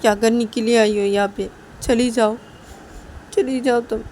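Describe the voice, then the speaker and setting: A woman voicing a young woman who is deeply hurt and furious at her partner, speaking in a tearful, repetitive voice that keeps rising. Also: fairly even intonation, a little slow, darkish tone, a little hiss or hum, lightly acted. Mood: dismissive.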